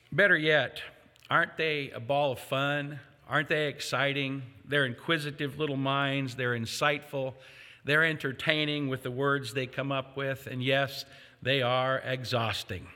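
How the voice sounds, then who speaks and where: Bright-voiced older pastor preaching in a hall. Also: male voice, mid-range voice. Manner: folksy, joking storyteller addressing a congregation. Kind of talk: sermon. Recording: reverberant hall.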